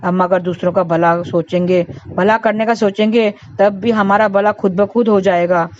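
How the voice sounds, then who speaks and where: A woman's voice: mid-range voice, fairly even intonation, moderate pace, darkish tone. Earnest woman moralizing, lo-fi. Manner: earnest, repetitive moralizing, addressing friends. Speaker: devotional astrology channel host. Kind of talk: storytelling and moral talk. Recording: dull lo-fi with faint hiss.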